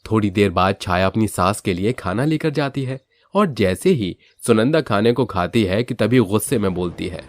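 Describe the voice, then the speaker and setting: A man with a low voice narrates a cartoon family drama in an even, scripted storytelling tone. The sound is dry and close to the mic. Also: normal speed, no echo.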